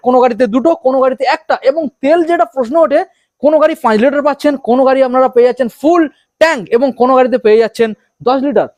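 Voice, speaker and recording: Bengali man, very high voice, rapid-fire hype, dry close sound. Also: no room sound. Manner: rapid, hyped sales patter addressing viewers as friends. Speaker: YouTube channel host. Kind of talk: promotional showroom vlog.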